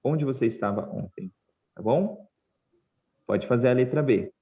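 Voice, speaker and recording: Patient Brazilian teacher on a video call. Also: male voice, medium pitch, mellow, dull audio. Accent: Brazilian Portuguese. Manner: patient, spells out examples slowly. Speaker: English teacher. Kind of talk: online class.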